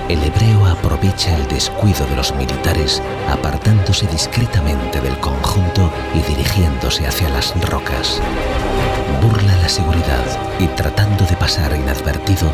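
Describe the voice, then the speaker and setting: A man narrating scripted audio description in a measured, neutral manner. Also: very deep voice, lively intonation, loud music behind the voice.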